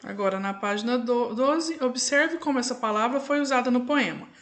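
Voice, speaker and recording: A woman teacher with a somewhat high-pitched voice, walking young pupils through a recorded lesson. She takes it patiently, one step at a time, and keeps pausing to check that the class is following. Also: a bit bright. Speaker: primary school teacher.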